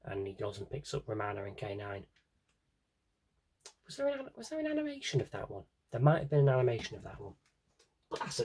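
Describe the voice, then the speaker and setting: A British video blogger shows off his audio drama CD collection, chatting casually and off the cuff, rambling, correcting himself and adding dry, offhand jokes. His voice sits on the high side with a darkish tone, and there's slight background noise.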